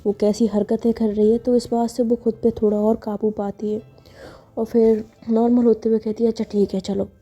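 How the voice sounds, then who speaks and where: A woman's voice: on the high side, level tone, moderate pace, mellow. Chatty woman narrating a romance story. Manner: conversational, filler-heavy narration. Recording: dull lo-fi audio over music.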